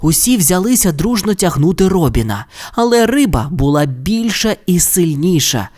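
Expressive storyteller man. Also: high voice, moderate pace. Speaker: narrator. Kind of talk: children's audiobook narration.

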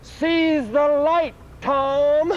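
A man voicing a solemn old Pope who speaks slowly and draws out his words, on a dull lo-fi outdoor recording. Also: extremely high pitch, animated, a bit bright, exaggerated voice. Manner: slow, drawn-out delivery. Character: slow, solemn old male Pope making proclamations.

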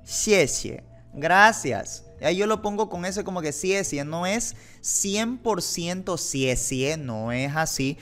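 A man's voice: high voice, expressive, slow pace, few pauses, a bit bright, soft background music. A young man teaching a beginners' language lesson, patiently repeating words and asking learners questions. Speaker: Mandarin teacher.

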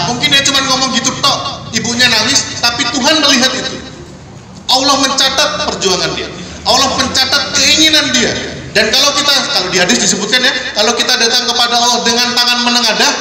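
High, bright-voiced man in echoey hall. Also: distant mic. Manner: earnest, repetitive, addresses students as "Dek". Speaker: seminar speaker. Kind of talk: motivational seminar talk. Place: large hall.

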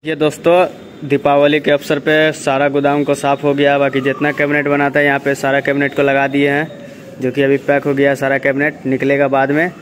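A young man vlogging his way through a large warehouse, talking in a steady, salesman-like patter with the phone held at arm's length. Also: medium pitch, brisk, slight background noise. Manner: steady salesman-like patter, repeats "dekhiye" and "dosto". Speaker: vlogger showing a speaker cabinet factory. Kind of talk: casual vlog walkthrough. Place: large warehouse, partly outdoors.

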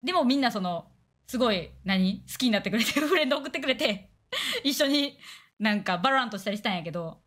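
Fast, lively Kansai-accented woman chatting. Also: fairly high pitch. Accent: Kansai Japanese. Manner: blunt, crude, fast banter with acted-out quotes. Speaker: streamer. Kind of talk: casual chat stream.

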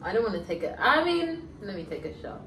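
A woman's voice: mid-range voice, sing-song, distant mic. A young woman, a guest in a vlog, answering dares with sassy comebacks. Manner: sassy, laughing, quick comebacks. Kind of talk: casual chat during a drinking-game dare. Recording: echoey room, off-mic, loud background noise.

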